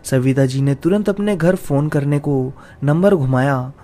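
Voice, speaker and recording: A man narrating a scripted horror story in a steady, dramatic storytelling manner. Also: medium pitch, a little slow.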